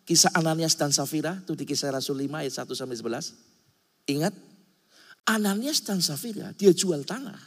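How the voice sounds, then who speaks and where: A male pastor delivers an emphatic sermon in a slightly high, husky voice that swings widely in pitch. He keeps turning to his listeners as brothers and sisters. Long reverb from the hall trails each phrase.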